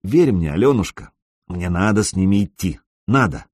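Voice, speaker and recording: Man doing a calm, tender young man. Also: moderate pace, slightly rough, dry recording, clean studio sound. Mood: reassuring. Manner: soft, reassuring, low murmurs.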